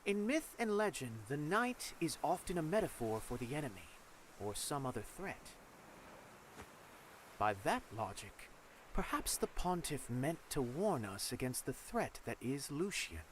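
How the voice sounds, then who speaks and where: A wry, composed cleric turned detective for a video game. His voice sits a little high and moves freely up and down, measured and theatrical, with faint noise behind it. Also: big pitch swings. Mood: musing, grave. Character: sly, composed male cleric turned investigator. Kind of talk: scripted video game voice acting.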